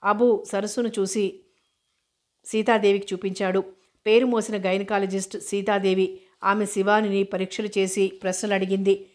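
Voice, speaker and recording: Woman narrating a novel in an even tone. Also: mid-range voice, moderate pace. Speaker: audiobook narrator. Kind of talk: novel reading.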